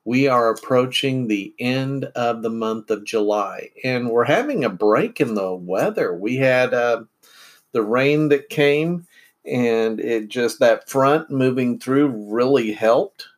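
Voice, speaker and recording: Middle-aged guy doing a chatty morning podcast at home, slow and rambly, lots of ums. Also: medium pitch. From central Illinois. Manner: rambling, unhurried, many fillers and restarts. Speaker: podcast host. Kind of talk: casual morning podcast chat.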